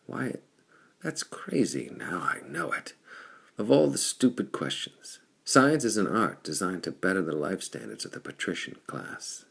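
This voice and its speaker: A gruff, blunt pirate lieutenant, read by a man with a rumbling, scornful delivery. His voice sits very deep and gravelly, with a husky texture, in a pulp audiobook. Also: fairly bright tone, full character voice. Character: big bald pirate lieutenant, adult male, gruff and blunt.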